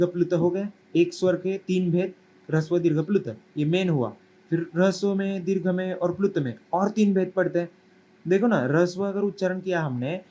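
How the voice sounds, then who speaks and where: Male teacher, young, higher voice, explains step by step, asks the class questions. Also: poor audio. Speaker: Sanskrit teacher. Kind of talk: classroom lecture.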